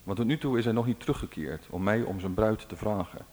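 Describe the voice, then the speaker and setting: Guy reading a bossy proud north queen, lowish voice, echoey hall. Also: quick pace, darkish tone, natural voice. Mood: imperious. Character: stern demanding witch-queen of the north.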